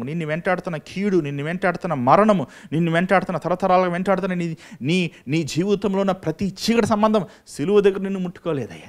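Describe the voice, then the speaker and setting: A fervent male evangelist delivers a sermon from the pulpit, his voice sitting a little higher than most men's. He keeps firing rhetorical questions at the congregation and swings between muttered asides and loud, pressing appeals. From India. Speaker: evangelist preacher. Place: church or prayer meeting.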